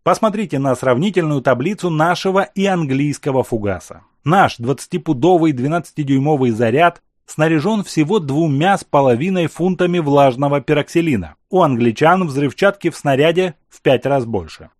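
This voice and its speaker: A man reading as a calm commanding emperor. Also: fairly high pitch, no echo, clean studio sound. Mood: instructive. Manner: measured, commanding, explaining. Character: calm authoritative male emperor, questioning and instructive.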